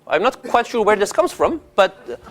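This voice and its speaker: A man's voice: high-pitched, big pitch swings, normal speed. A man giving a conversational academic lecture as an economics professor, posing rhetorical questions and checking in often.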